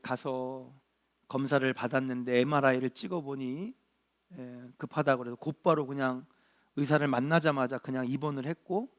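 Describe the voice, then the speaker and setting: A man's voice: medium pitch, steady tone. Earnest Korean male pastor preaching. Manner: earnest, drawn-out, with rhetorical questions and frequent affirming interjections. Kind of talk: sermon.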